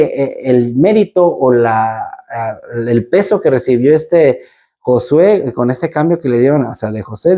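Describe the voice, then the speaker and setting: Warm-voiced man teaching scripture. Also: a little high. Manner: animated storytelling, acting out quoted speech. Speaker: Bible teacher. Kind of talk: Torah portion teaching.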